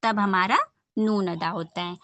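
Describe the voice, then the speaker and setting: A woman's voice: medium pitch, steady tone, a little slow, fairly bright tone, no room sound, lo-fi sound. A woman teaching children Quran pronunciation in an online class, patient and often checking that they understand.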